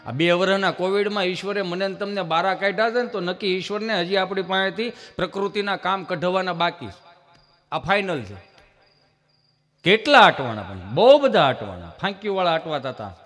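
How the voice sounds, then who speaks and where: A man's voice: sits high, lively intonation, moderate pace, a bit bright, soft background music. A man with a Saurashtra Gujarati accent telling folk jokes live on stage at a microphone, chatty, slipping into quoted dialogue. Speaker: stand-up folk comedian. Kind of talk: live folk comedy storytelling. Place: large hall on stage. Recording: long reverb of a hall.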